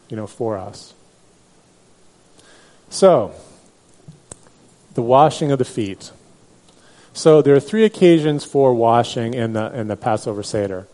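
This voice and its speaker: A man's voice: medium pitch, darkish tone. A man teaching a Bible class in a conversational way, with many fillers and restarts. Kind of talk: Bible study lecture.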